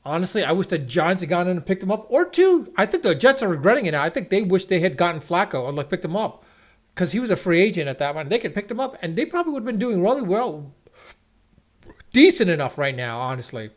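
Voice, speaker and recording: A man's voice: sits high, very animated, quick pace. A man hosting a live stream, rambling casually about football with lots of restarts and strong opinions. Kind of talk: casual sports rant. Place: at home, checking scores on screen.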